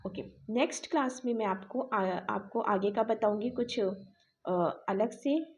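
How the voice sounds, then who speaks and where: A woman's voice: mid-range voice, slow pace. A woman teaching a shorthand class, spelling words out letter by letter and checking in often with her students. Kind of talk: online class explanation.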